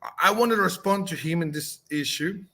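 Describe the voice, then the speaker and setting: A man from Chile with a Chilean Spanish accent, a native Spanish speaker, giving a halting spoken response in English with many fillers and restarts. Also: fairly high pitch, pushed and bright. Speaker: channel host.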